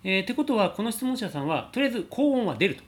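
A man teaching singing, calmly answering a viewer's question about high notes and showing sung slides. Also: fast. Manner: explains calmly, demonstrates sliding sung vowels.

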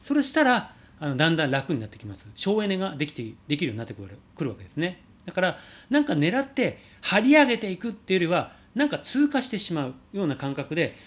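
Man, voice coach, bright tone, lively pitch, calm explanations, sung slides. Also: quick pace, hardly any pauses. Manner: explains calmly, demonstrates sliding sung vowels. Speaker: voice teacher. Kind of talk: answering a viewer question.

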